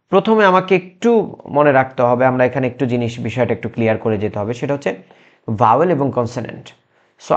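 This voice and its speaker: Patient male grammar teacher, muffled sound. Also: on the high side. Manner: slow, patient explaining with many restarts and fillers. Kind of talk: recorded classroom lesson.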